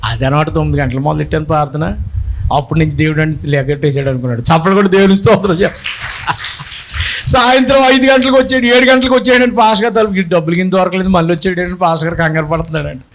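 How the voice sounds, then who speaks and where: A man preaching a sermon as a bishop, telling stories and acting out the people in them, with sudden shouted lines. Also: a little high, rapid-fire, a little hiss or hum. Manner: animated preacher, acts out characters and bursts into shouts. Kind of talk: Telugu sermon with storytelling.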